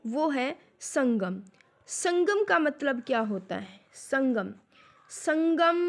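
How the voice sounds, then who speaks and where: Slow, high-voiced woman lecturing. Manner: slow, deliberate teacher's explanations with rhetorical questions. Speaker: Hindi literature lecturer. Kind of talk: classroom lecture.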